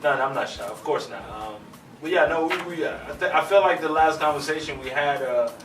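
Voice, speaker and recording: A man's voice: fairly high pitch, fairly quick, echoey room, far from the mic, music in the background. Joking male talk show guest. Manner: joking, laughs while talking, animated. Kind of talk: casual debate chat.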